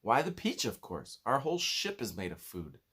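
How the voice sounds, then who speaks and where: A man's voice: mid-range voice, huge pitch swings, moderate pace, a bit bright, slightly rough, pitched above the performer's own voice, full character voice. A man voicing a clever, optimistic young boy with an earnest, patient manner in a storybook read-aloud. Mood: eager. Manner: earnest, reassuring.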